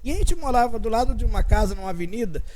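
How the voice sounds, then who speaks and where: A man's voice: very high voice, expressive, very fast, dark tone, poor audio. An older man, leading a spiritist study group in a chatty, anecdotal way and acting out bits of dialogue. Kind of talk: casual talk to a study group.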